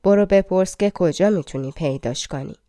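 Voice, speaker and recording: A woman's voice: lowish voice, mellow, no room sound, clean studio sound, close to an everyday voice. A woman voicing an old female nurse who gives motherly advice in a storybook reading. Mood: fond, advising. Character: old wise female nurse, fond and knowing.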